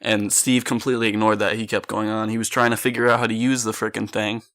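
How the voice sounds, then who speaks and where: A man's voice: on the low side, level tone, quick pace, a bit bright. A teenage male telling a casual, rambling story as video commentary, with slang and mild swearing. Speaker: gameplay commentary video creator.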